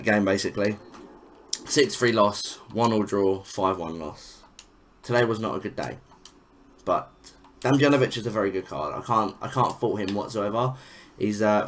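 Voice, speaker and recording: Young man, sweary gaming commentary. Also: on the low side. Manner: frustrated, swearing, quick exclamations. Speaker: gaming YouTuber. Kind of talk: casual gameplay commentary.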